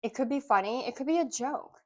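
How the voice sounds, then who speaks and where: A woman's voice: high voice, lively intonation. Musing woman reading tarot. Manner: musing, pauses between phrases. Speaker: tarot reader. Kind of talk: casual intuitive tarot reading.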